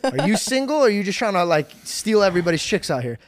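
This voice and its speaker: A young man hosting a podcast in casual chat, animated and swearing as he tells stories. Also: high voice, fast. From Syrian heritage. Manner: animated, swearing, laughing storyteller. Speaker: podcast host.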